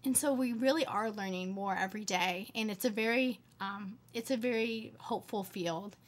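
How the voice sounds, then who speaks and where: A woman's voice: mid-range voice, moderate pace. A young woman in her twenties, a medical student answering interview questions earnestly with many fillers. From United States.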